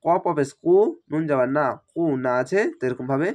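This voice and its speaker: A man with a somewhat high voice teaches recitation, breaking words into letters and vowel marks. He explains slowly and repeats himself with patience. His voice sounds a little strained, as if he is slightly unwell. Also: a little mellow. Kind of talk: spelled-out recitation lesson.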